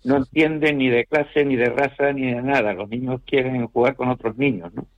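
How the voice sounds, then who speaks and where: The speaker is a Canary Islands novelist in an interview, thinking aloud slowly with little hesitations and tag questions. He keeps a steady tone at a middle pitch, and the audio is somewhat muffled like radio.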